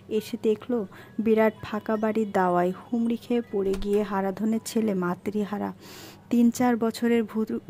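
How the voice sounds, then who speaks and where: A woman narrating an audiobook with steady, expressive storytelling. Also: mid-range voice. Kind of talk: scripted narration. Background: faint background music.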